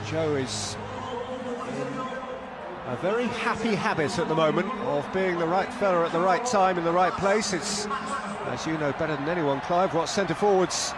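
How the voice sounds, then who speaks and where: High-pitched man commentating dramatic football. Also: unhurried. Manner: eloquent, ornate phrasing. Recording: loud stadium noise behind the voice. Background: stadium ambience.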